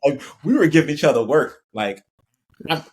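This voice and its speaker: A man's voice: on the high side, moderate pace, a little hiss or hum. A man in middle age telling a laid-back, laughing story as a podcast guest, with a lot of casual fillers. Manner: relaxed, laughing, lots of "like" fillers. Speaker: podcast guest, former college football player.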